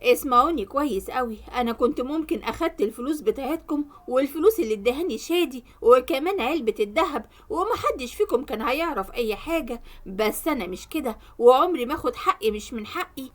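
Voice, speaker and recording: Egyptian woman, storyteller, dramatic narration, fast, high pitched. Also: animated. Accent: Egyptian Arabic. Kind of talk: first-person story narration.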